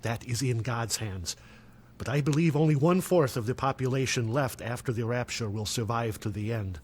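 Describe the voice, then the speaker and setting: A man's voice: medium pitch, breathy edge, close to an everyday voice. A man playing a grave formal scholar. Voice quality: formal, measured. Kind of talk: audio drama acting.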